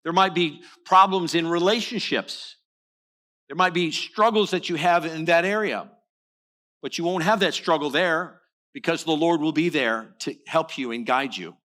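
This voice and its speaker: Bright-voiced preacher man, earnest and repetitive. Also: a little high, normal speed. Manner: earnest, repeats words and restarts phrases. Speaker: pastor. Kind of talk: sermon. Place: church sanctuary.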